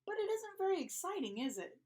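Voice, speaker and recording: An eager young boy shark from a children's storybook, cheerful and excitable, with a high voice that leaps about lively as a woman reads him out. He sounds upbeat and keen. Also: moderate pace, breathy edge.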